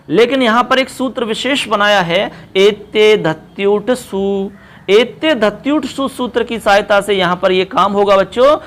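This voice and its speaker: High-voiced man teaching Sanskrit grammar. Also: a bit bright. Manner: explains step by step, repeats key terms, addresses students as children. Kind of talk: exam-prep lesson.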